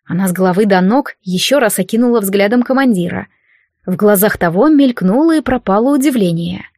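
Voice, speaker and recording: A woman narrating a fantasy novel as an audiobook, reading in a steady, even storytelling manner. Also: medium pitch, fairly quick, no room sound, studio quality. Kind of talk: scripted narration.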